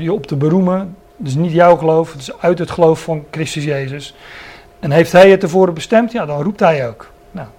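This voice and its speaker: A man's voice: a little high, a little mellow. A man preaching a Bible-teaching sermon, earnest, stressing key words and restarting his sentences.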